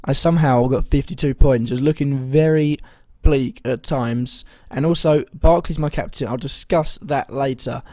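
Mellow, slightly hoarse young man. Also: mid-range voice, normal speed, hardly any pauses, no room sound. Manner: rambling, hesitant, full of ums and self-corrections. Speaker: fantasy football vlogger. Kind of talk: casual video commentary.

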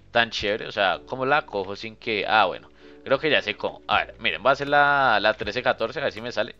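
A young man, giving casual, chatty commentary while playing a game and thinking out loud to his viewers. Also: fairly low pitch, smooth, lo-fi sound. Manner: chatty, thinks aloud, often addresses viewers as "muchachos". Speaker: gaming youtuber.

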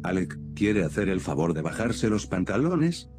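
An earnest, caring young woman in a storybook reading, as a male narrator voices her. Her lines are soft and patient, spoken in a deep, low voice. Music plays steadily underneath. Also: very animated, moderate pace. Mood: insistent.

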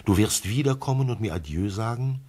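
A wise, tender fox from a classic radio play, pleading and heartfelt, as a man acts him out. The voice sits higher than a plain man's talk and swings widely in pitch, with a husky grain. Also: brisk. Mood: wistful. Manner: lively, pleading, heartfelt delivery. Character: wise gentle male fox, tender and wistful.

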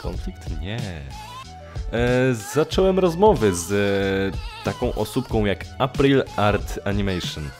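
Slow and expressive, with a fairly low pitch and darkish tone, a young man chats casually in his vlog, answering viewer questions as a YouTuber and amateur dubbing voice actor. He's hesitant and self-correcting, informal, and swears on occasion. The setting is a small room at home with background music, and he speaks close to a desktop condenser mic with a pop filter.

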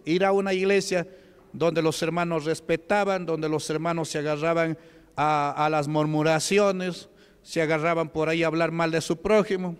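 A Peruvian man preaches in a church hall, telling his testimony in a chatty way and turning questions to his listeners. His voice is smooth, resonant and slightly higher than most men's. A long reverb from the hall trails after every phrase. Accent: Peruvian Spanish. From Peru. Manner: conversational, asks the congregation questions. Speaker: pastor. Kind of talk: testimony sermon.

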